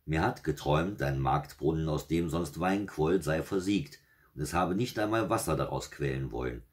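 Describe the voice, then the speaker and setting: A man's voice: extremely low pitch, moderate pace. A man reading aloud and voicing the devil's grandmother, a shrewd, kindly old woman who scolds and soothes. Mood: scolding soothing.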